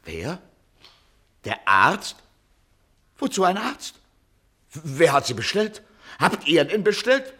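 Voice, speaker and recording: An excitable radio director, suspicious and quick to explode, in an old-style radio play. His high, bright voice leaps around restlessly. He bursts into indignant outcries. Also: full character voice. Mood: agitated, indignant. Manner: excitable, jumpy, bursts into outrage. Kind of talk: vintage radio play acting.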